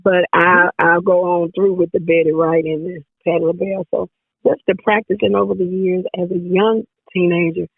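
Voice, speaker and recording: A woman singer with a hoarse, raspy voice, chatting casually as an interview guest and laughing often. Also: on the low side, little pitch movement, moderate pace, no echo. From Jackson, Tennessee area, US South. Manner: laughs often, repeats herself. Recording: dry phone-like line.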